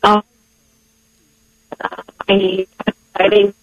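A woman calls in to a radio program over a failing phone connection, so her words break up and drop out. She speaks haltingly, in a slow, level voice. The line is dull and muffled. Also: medium pitch, monotone. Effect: breaking-up phone connection, cutting in and out. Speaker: caller. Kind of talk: call-in radio caller. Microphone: telephone.

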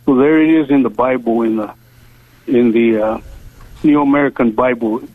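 A man's voice: medium pitch, no room sound. Earnest man in his seventies on a phone line. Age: 70s. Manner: earnest, halting, slow. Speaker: caller. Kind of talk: call-in radio prayer request. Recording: tinny dry phone line.

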